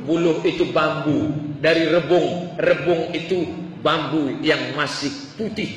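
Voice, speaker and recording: A man's voice: high voice, fairly bright tone, far from the mic. A man preaching a sermon, telling stories and asking his listeners rhetorical questions with emphasis. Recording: echoey hall with faint ambience.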